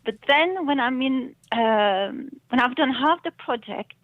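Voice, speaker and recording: A middle-aged woman calling in over the phone, talking in a hesitant, halting way and laughing often. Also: sits high, lively intonation, no room sound. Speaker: caller. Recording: dull phone line, dry.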